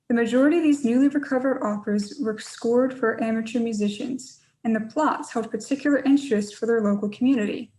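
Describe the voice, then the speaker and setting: Young woman, from Georgia, PhD student, measured prepared talk, slightly high pitch. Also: a little mellow, rough recording. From Georgia, USA.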